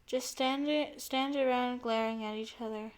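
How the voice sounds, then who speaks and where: A woman's voice: fairly high pitch, fairly even intonation, measured pace, clean tone, close to an everyday voice. A woman voicing a blunt, cool young woman. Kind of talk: reading a game aloud on stream.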